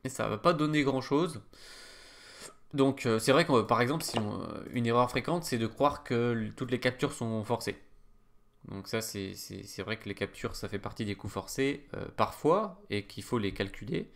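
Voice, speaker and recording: A man with a French accent explaining chess studies in a casual lesson, pausing often with filler sounds and going step by step. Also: medium pitch, gravelly. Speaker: chess teacher.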